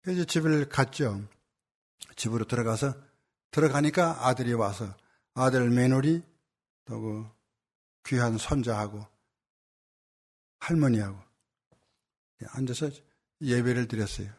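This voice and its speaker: A man's voice: measured pace, pauses often, a little mellow. A man preaching as a pastor, telling a story and acting out the dialogue, his voice rising when he exhorts. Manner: rises in pitch and intensity when exhorting. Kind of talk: sermon.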